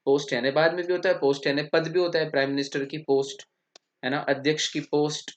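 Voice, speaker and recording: A man's voice: a little high, flat delivery, fast. A man with an Indian accent giving an English vocabulary lecture, explaining step by step and checking in with his students. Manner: explains step by step, asks "theek?" often. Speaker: English teacher. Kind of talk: classroom lecture. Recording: dull lo-fi recording.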